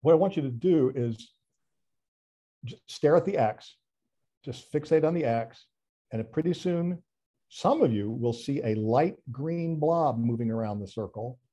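A man's voice: medium pitch, animated, measured pace, warm tone. A man giving a casual presentation over a video call, chatty and self-deprecating, with frequent restarts and fillers. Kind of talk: casual online talk presentation.

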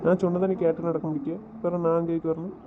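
A man rattles off teasing remarks and bossy instructions at a quick clip. His voice comes through a dull, muffled phone line. Steady background noise runs under everything he says. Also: fairly high pitch. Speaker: husband on a phone call. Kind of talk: casual phone conversation.

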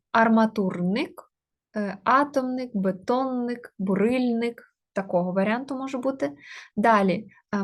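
A woman teaching a grammar lesson, working through test answers step by step, with many filler sounds and quick self-corrections. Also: mid-range voice, darkish tone.

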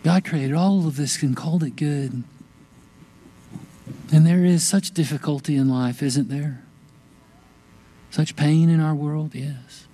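A male pastor preaching a sermon in a church service, speaking slowly and deliberately and dropping to a hushed whisper on key words. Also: fairly high pitch. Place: church sanctuary during a worship service.

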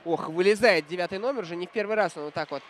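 A man commentating live on ice hockey, reflective and analytical, often pausing mid-sentence to find his words. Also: high voice, slight background noise.

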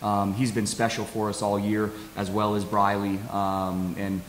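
A middle-aged American man, a college soccer coach, giving measured, halting answers in a post-game interview. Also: lowish voice, completely flat delivery. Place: press conference table with backdrop. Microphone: table stand microphone. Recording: echoey hall, audible hiss.

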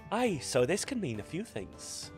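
A man's voice: fairly high pitch, wildly swooping pitch, pitched above the performer's own voice. A man voicing a mysterious, flirtatious elven woman who tells fortunes from cards in a tabletop role-play. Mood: portentous. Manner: fortune-teller patter, slow portentous card reading. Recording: music playing behind the voice.

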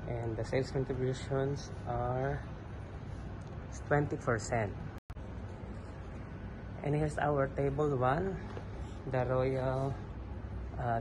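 A man giving a walkthrough sales report in a large home goods store, filmed on a handheld phone, listing collections and figures with pauses. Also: medium pitch, background noise. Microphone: handheld phone camera.

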